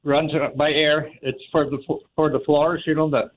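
Halting male caller, slightly high voice, on a tinny phone line that glitches in and out. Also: level tone, slight background noise. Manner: halting, repeats himself. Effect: phone line cutting in and out. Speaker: caller selling items. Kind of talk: casual call-in chat.

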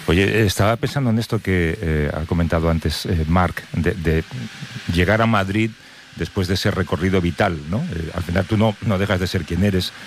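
A man from hosting a talk show conversation, relaxed and hesitant with frequent fillers. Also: low voice, normal speed, slight background noise. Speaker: host.

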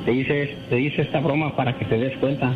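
A man's voice: medium pitch, fairly even intonation, brisk. A man speaking bluntly and accusingly on a phone call. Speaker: caller. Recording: dull noisy phone line.

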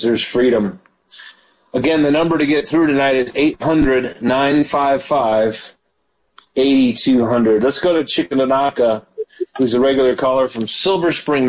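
A man of medium pitch and slightly mellow tone leads a call-in prayer program as pastor. He chats with callers and bursts into fervent prayer full of hallelujahs, captured on a low-quality recording.

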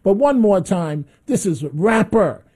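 A man's voice: high-pitched, big pitch swings, slow pace, darkish tone. A man hosting a call-in radio show, giving opinionated commentary and pressing callers impatiently.

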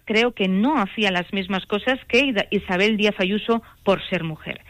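A middle-aged woman from Spain, an author speaking as a guest in a radio phone interview, measured and earnest with some hesitations. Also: medium pitch, a bit bright, dry recording.

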